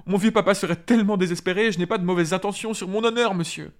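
A man voicing a timid, eager young male hobbit gardener who pleads and trembles in a high voice. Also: brisk, lightly acted. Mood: pleading.

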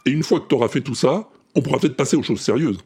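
A man's voice: medium pitch, animated, fast talker, over loud music. Teasing, theatrical male podcast host. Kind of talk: playful podcast hosting.

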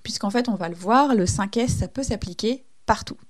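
A woman's voice: medium pitch, normal speed. French woman hosting a how-to podcast. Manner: friendly, explanatory, with many fillers. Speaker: podcast host. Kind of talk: explanatory podcast talk.

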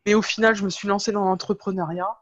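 A French-speaking woman, a web entrepreneur, tells her own story as a podcast guest in a casual, chatty interview, often searching for words. Her mid-range voice is steady and fast, and the audio sounds dull.

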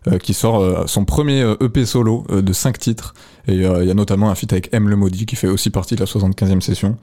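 Low-voiced young man radio co-host. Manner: relaxed, conversational, enthusiastic about rap. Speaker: radio music show co-host. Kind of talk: presenting rap releases on radio. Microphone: studio microphone.

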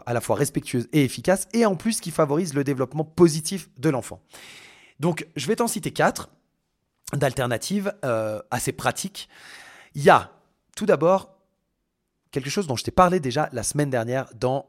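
A man hosting a casual solo podcast on parenting, talking hesitantly with many fillers and restarts, speaking directly to the listener. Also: mid-range voice. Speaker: podcast host.

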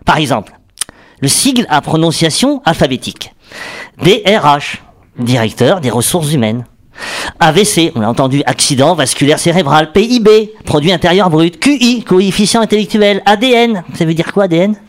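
A man's voice: fairly high pitch, expressive, normal speed. A man delivering an explanatory radio column in a studio, joking and restarting as he goes. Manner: explanatory, jokey, thinks aloud with restarts. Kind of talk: radio chronicle on acronyms.

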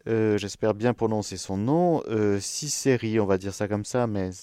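A man, a priest, hosting a radio call-in show, praying aloud for callers in a measured, gentle way and chuckling warmly with them. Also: lowish voice, clear, resonant tone, dry recording, clean studio sound. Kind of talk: radio call-in with spoken prayers.

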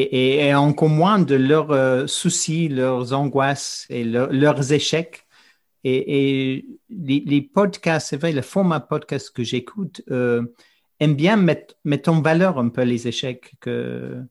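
A man's voice: medium pitch, steady tone, slow pace. A middle-aged man in talks spontaneously as an interviewed researcher, repeating words as he searches for phrasing. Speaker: researcher and podcast co-host, interview guest.

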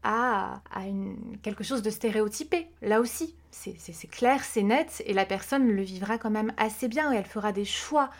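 A woman who works as a vocal coach, explaining her ideas in a relaxed interview with frequent hesitations. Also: mid-range voice, moderate pace, hardly any pauses. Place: podcast recording.

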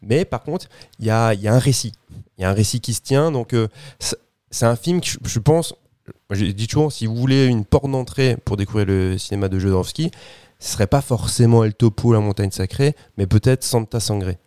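A man with a low, mellow voice talks films in a relaxed podcast chat. He rambles, restarts his sentences and leans on fillers. The sound is close and dry. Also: a little fast, no room sound. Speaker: podcast host discussing cinema. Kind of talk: casual film discussion.

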